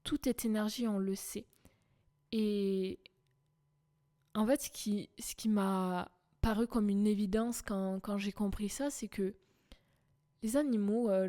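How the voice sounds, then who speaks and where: A woman's voice: medium pitch, warm tone. Earnest chatty woman podcaster. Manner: chatty and earnest, frequent fillers and self-repeats. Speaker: podcast host. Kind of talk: casual personal monologue.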